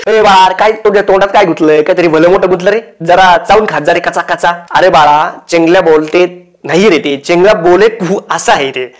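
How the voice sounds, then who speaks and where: A man's voice: high-pitched, a little fast, hardly any pauses. A man hosting a comic roast, teasing and mocking the people in the clips he reacts to. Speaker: roast host.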